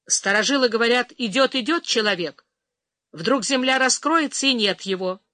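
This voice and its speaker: A woman reader voicing a lonely man who lives alone in the wild, speaking tersely and calmly. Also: a little high, normal speed, no echo, clean studio sound. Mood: steady. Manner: terse, calm.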